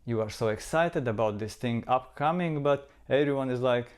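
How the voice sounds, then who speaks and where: This is a travel vlogger from Latvia addressing the camera in a casual way. He has a Latvian accent, a medium-pitched voice and a moderate pace, and he sounds earnest and reflective, often repeating words to stress a point.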